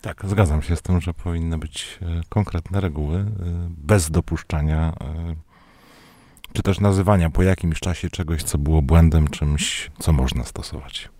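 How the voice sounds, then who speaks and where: A man hosting a radio interview, speaking hesitantly and pausing often on filler sounds. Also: low voice, mellow, no room sound. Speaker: radio host.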